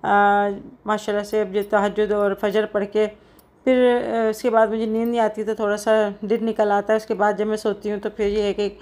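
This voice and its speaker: A woman's voice: medium pitch, monotone, moderate pace, darkish tone. A middle-aged woman chatting casually in her home cooking vlog, rambling along with lots of fillers. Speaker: cooking vlogger.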